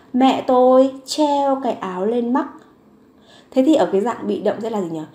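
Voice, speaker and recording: A woman's voice: fairly high pitch, a little mellow. Patient woman teaching grammar, echoey room. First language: Vietnamese. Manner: patient, repeats words slowly for learners. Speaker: Korean language teacher. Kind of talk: grammar lesson explanation.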